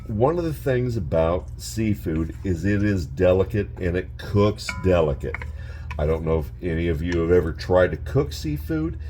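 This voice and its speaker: A man's voice: deep voice, mellow. A man hosting a casual cooking tutorial from his home kitchen, chatty and talking straight to his viewers. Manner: chatty, keeps addressing viewers as guys. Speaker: cooking channel host.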